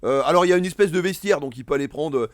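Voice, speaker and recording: A man's voice: fairly high pitch, rapid-fire, no room sound, clean studio sound. A man casually reviewing films and series, rambling with many fillers and restarts. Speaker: film reviewer. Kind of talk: casual film review monologue.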